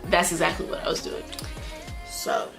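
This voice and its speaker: A woman's voice: moderate pace, over music. A woman of twenty-one telling her own story in a vlog, candid and rambling, often restarting her sentences. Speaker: vlogger.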